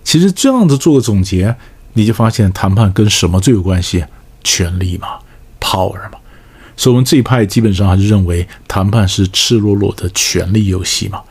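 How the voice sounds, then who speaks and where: A man's voice: fairly low pitch, lively intonation, brisk, darkish tone, husky. A man with a Taiwanese Mandarin accent giving a spoken lecture on negotiation, often asking the listener rhetorical check-in questions.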